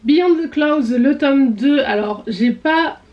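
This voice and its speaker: A woman book vlogger with a high voice speaks slowly in a casual chat about her books, and the recording has its highs cut off. She leans on many fillers, clears her throat, and says she is losing her voice.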